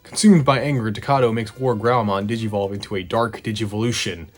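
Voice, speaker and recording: A man's voice: lowish voice, steady tone, fairly quick. A man narrating a casual, sarcastic video recap in a conversational way. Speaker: host of a video retrospective. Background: background music.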